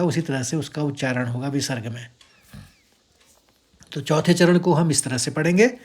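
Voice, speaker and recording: A man from India teaching the pronunciation of a Sanskrit verse step by step, with a patient, explaining manner and slow chanting of the lines. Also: on the high side. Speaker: Gita recitation teacher.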